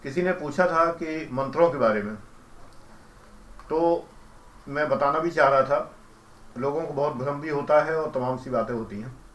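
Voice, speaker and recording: A man giving a calm, explanatory devotional lecture as a spiritual teacher, who chants mantras slowly. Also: a little high, roomy sound.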